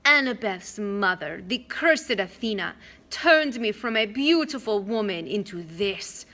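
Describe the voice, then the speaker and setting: A woman's voice: mid-range voice, lively intonation, sharp tone. A woman playing a purring old monster woman. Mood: soothing, coaxing. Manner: slow, purring and coaxing. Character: soothing old female monster posing as a grandmother.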